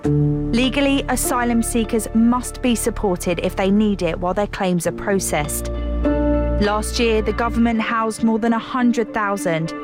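A woman's voice: fairly high pitch, over music. Woman reporter narrating a news report. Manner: measured, clear delivery.

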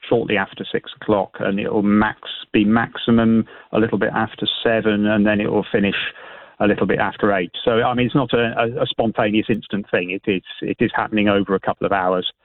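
A British man speaking as an expert guest in a radio interview, explaining informally in a hesitant, halting way with repeated words over a phone line. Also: fairly low pitch, level tone, no echo. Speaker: astronomy expert and event organiser, radio guest. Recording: band-limited tinny phone line.

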